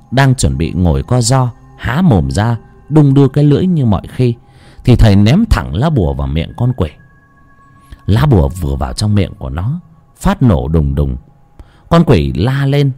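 Male horror storyteller with a low, mellow voice and a very animated delivery.

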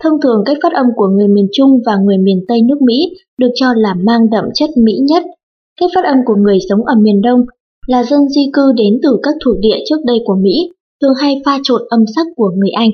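A woman narrating an audiobook in an even, formal reading tone. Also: on the high side, quick pace, breathy edge. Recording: dull lo-fi audiobook recording.

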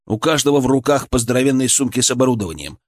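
A man's voice: medium pitch, lively intonation, very fast. A man reading a fantasy audiobook in the first person, telling a tense story in a dramatic way. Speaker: audiobook narrator.

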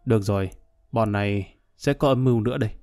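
A man's voice: on the low side, quick pace, darkish tone, soft background music, close to an everyday voice. A man voicing a drunk, hot-tempered middle-aged man who rants and threatens revenge in a storybook reading. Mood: angry. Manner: blustering, vengeful rant.

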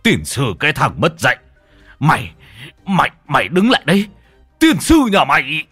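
A man's voice: high voice, sing-song, a little slow, gravelly, husky, no echo, soft background music, pitched above the performer's own voice, exaggerated voice. A man doing a furious cursing old brute. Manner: shouting curses.

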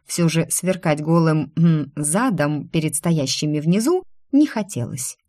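A woman narrating a first-person fantasy story in a lively, wry, expressive way. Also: deep voice, a little slow, no room sound, clean studio sound. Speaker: audiobook narrator.

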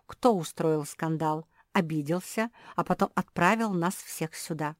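A woman's voice: deep voice, unhurried, no room sound, studio quality. A woman voicing a strict older sister dog who lectures in a reproachful, preachy way.

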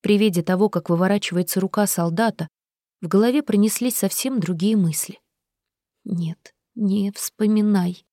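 A woman reading first-person audiobook narration in an even, steady storytelling manner. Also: mid-range voice, fairly quick, no room sound, studio quality.

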